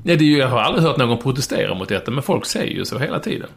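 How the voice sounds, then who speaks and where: Man co-hosting with a creaky voice. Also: mid-range voice, expressive. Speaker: podcast co-host. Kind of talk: casual conversational banter.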